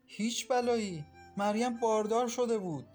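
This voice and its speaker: A frightened older mother answers haltingly through her guilt, as a man puts her on in a storybook. Her voice is lifted well above his own and stays soft and tearful. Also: sits high, steady tone, faint music behind, pitched above the performer's own voice, lightly acted.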